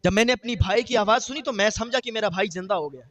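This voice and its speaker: A man's voice: high voice, fairly bright tone, dry recording. A man preaching in a sermon, telling a story with emotion and voicing the grieving brother's words.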